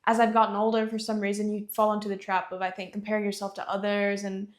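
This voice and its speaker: A fast-talking young woman from Athens, Georgia speaks at a medium pitch in a monotone. She's a singer-songwriter guesting on an interview, chatting casually, laughing often, and filling pauses with "you know."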